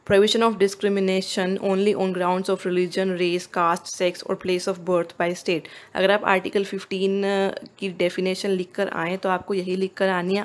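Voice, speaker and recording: Woman teacher, explanatory lecture delivery, even and level pitch. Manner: explanatory, mixes English and Hindi. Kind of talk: online lecture.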